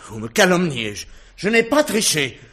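A proud, prickly young man in a 1960s radio play, stammering in indignation. His voice is high and lively. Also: moderate pace, heavily acted. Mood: indignant. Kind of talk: 1960s radio drama acting.

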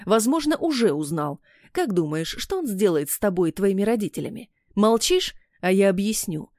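Woman reading a menacing young man, snarls and sneers, mellow dry voice, audiobook. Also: mid-range voice, lively intonation, normal speed, no room sound, natural voice. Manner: snarling, mocking. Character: menacing young male ex-fiancé, angry and bitter. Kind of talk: audiobook character voice.

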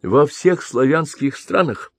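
A man voicing a solemn male khagan who declaims in a measured way. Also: fairly high pitch, lively intonation, gravelly, no echo, voice pushed up, full character voice. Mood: grave. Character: solemn male Khazar khagan, cautious and grave.

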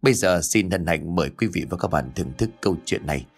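A lively dramatic male storyteller. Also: sits low, fast talker. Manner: formal, dramatic. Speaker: audiobook narrator.

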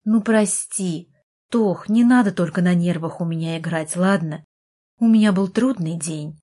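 A woman's voice: lowish voice, a little slow, dark tone. A woman reading as a weary young sister. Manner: weary, coaxing. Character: tired young woman therapist, patient older sister.

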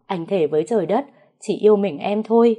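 A woman's voice: medium pitch, brisk, mellow, natural voice. A woman voicing a cowardly young husband caught cheating, begging his wife and shifting blame. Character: cheating eldest son, young man, cowardly and pleading.

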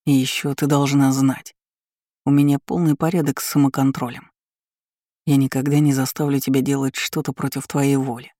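A man voicing a cocky young male student who speaks huskily and in a soft, insinuating way. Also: mid-range voice, little pitch movement, moderate pace, no room sound, studio quality, lightly acted. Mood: teasing. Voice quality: husky.

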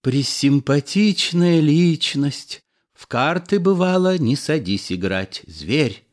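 A man voicing a nostalgic former card sharp who talks in effusive exclamations. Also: fairly high pitch, lively intonation, slow pace, voice pushed up. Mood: gushing nostalgia.

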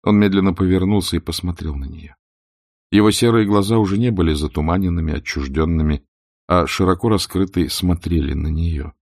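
A man narrating an audiobook in a measured, expressive way, with a husky, gravelly voice. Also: deep voice, no room sound, studio quality.

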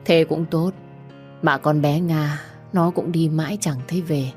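A woman reading as a gentle old grandmother. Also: deep voice, steady tone, a little slow, faint music behind. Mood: soothing. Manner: soft, soothing.

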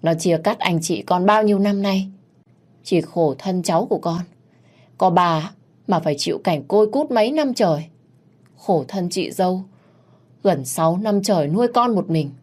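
A woman reading a story aloud, voicing a sharp-tongued young daughter who talks in an indignant, pressing way. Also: fairly low pitch, animated, normal speed.

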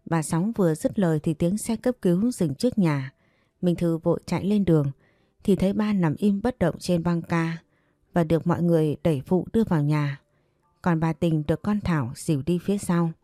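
Low mellow woman storyteller. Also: fairly quick, dry recording, studio quality. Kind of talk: scripted story narration.

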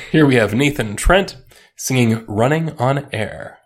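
A man co-hosting a podcast, laid-back in casual chat and quick to agree with short replies. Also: mid-range voice, lively intonation. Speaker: podcast co-host.

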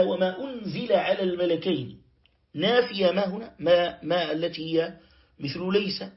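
A man teaching a Quran commentary lesson, reciting verses slowly and checking that his students follow. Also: high voice, lo-fi sound. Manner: explains slowly, quotes verses and checks with "clear?". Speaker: Islamic teacher. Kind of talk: tafsir lesson.

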